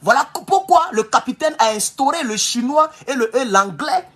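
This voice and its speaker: A man from Burkina Faso with a Burkinabè French accent, giving an animated political commentary vlog and exhorting his listeners as comrades. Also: extremely high pitch, normal speed.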